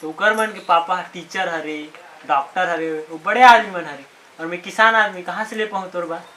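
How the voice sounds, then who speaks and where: A man with a Chhattisgarhi accent playing a farmer father in a village drama, loud and scolding. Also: high-pitched, moderate pace. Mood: stern caring. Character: angry farmer father of a teenage daughter. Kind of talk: amateur village short drama.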